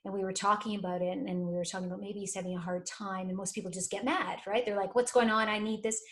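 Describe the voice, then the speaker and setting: A woman, a life and career coach telling stories in an interview, animated and acting out the voices of people she quotes. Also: medium pitch, fast. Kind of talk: conversational interview storytelling.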